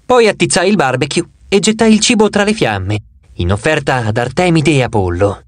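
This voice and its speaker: Male audiobook narrator, animated and expressive, fairly high voice, dry studio sound. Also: normal speed, no echo. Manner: dramatic, animated reading. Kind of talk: first-person audiobook narration.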